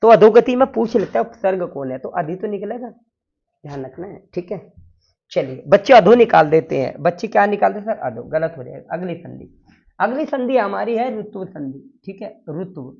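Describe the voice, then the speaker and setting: A man's voice: high-pitched, lively intonation, normal speed, creaky, a little mellow, muffled recording. A man teaching a Sanskrit grammar lesson, drilling the class with repeated questions and answers.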